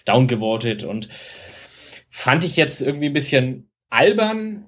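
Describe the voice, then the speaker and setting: Guy, slightly rough unclear voice, normal pitch, casual opinionated podcast co-host. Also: sing-song, a little slow.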